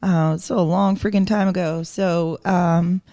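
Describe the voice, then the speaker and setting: A woman co-hosts a podcast in a friendly, chatty way, with frequent fillers. Her voice is fairly low for a woman, recorded dry and close. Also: fairly even intonation, a little slow, dark tone, dry recording. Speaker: podcast co-host. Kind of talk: casual podcast chat.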